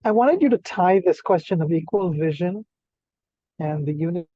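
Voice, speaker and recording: A man asking a question from a moving car on a video call, hurried and halting, his phone audio choppy and cutting out mid-phrase. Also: high-pitched, expressive, mellow, no room sound, lo-fi sound. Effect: choppy call audio that cuts out mid-phrase. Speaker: caller.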